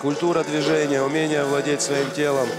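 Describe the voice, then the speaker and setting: A man's voice: a little high, flat delivery, a little fast. A man commentating on an MMA fight with effusive, florid phrasing. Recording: loud music under the voice.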